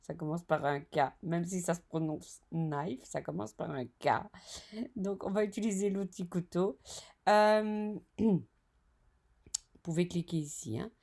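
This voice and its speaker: Lady doing a software tutorial, slow and chatty, gravelly voice, talks through each click. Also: lowish voice. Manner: chatty, narrates each step, self-correcting asides. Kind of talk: screen-recorded software tutorial.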